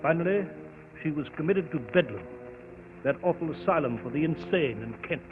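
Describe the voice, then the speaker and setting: An actor playing an earnest, fussy, easily flustered doctor sidekick, acting and narrating in a 1940s radio mystery. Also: male voice, on the high side, lively intonation, normal speed, lightly acted. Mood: earnest storytelling. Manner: hesitant, fussy, storytelling. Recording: tinny, noisy old 1940s radio broadcast.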